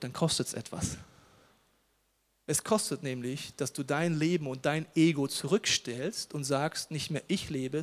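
Lively male preacher. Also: a little high. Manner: lively, colloquial preaching with playful asides. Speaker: pastor. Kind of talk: sermon.

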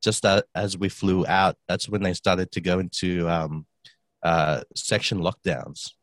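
A man's voice: low voice, flat delivery, measured pace, dry recording. A man, a podcast guest talking casually and rambling with many fillers. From Australia. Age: 20s. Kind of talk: casual conversation.

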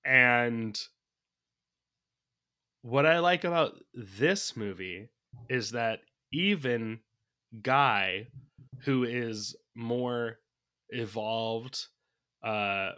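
A man's voice: medium pitch, bright, forceful tone. A man chatting casually about a movie as a podcast co-host, thinking aloud from his notes and laughing often. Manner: laughs often while talking.

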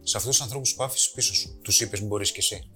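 Man, podcast host, blunt questions, casual slang, low bright voice, faint background music.

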